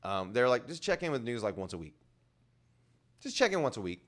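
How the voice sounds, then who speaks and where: Lively, rambling male co-host. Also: mid-range voice, brisk. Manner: animated, rambling with many restarts. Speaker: podcast co-host. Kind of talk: casual chat.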